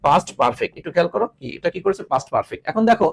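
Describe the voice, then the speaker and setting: A man's voice: high-pitched, racing, vocal fry, slightly rough. A man teaching English grammar in a video lesson, repeating each point and asking his students rhetorical questions. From Bangladesh. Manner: lively, repeats points, asks rhetorical questions, teasing asides.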